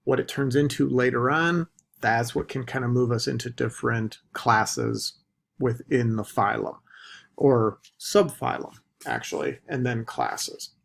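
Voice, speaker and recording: A man teaching a recorded biology lecture, deliberately stressing the key terms. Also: mid-range voice, vocal fry. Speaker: biology instructor.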